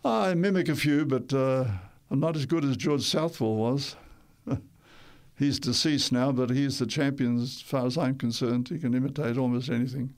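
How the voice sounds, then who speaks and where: At a moderate pace and medium pitch, an older Tongan radio guest relates his life history. The account rambles slightly, full of restarts and corrections, with a chuckle here and there.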